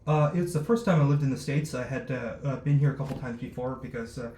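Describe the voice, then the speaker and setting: A male startup founder, born in Luxembourg and raised abroad, answers interview questions in a mellow, medium-pitched voice. He's hesitant and halting, full of fillers and restarts, recorded in a roomy space with echo and faint noise.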